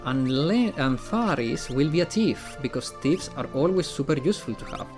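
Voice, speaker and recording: A man's voice: a little high, animated, normal speed, music in the background. A man streaming video games, chatting casually and thinking aloud, often repeating his phrases. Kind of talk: casual live-stream chat.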